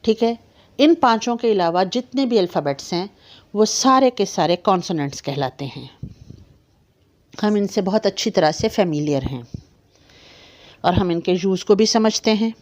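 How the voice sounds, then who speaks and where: A woman's voice: mid-range voice, lively intonation, moderate pace, pauses often, a little mellow. A woman teaching an English grammar lesson, explaining patiently, spelling words out letter by letter and checking that her listeners follow. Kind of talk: recorded online grammar lesson.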